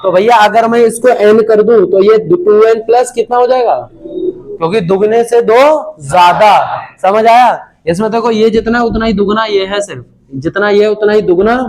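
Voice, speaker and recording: Young guy teaching chem online, highish voice, keeps saying bhai and asking questions. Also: moderate pace, darkish tone. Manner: chatty, repeats "bhai" constantly, asks students questions. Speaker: chemistry teacher. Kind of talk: online class lecture.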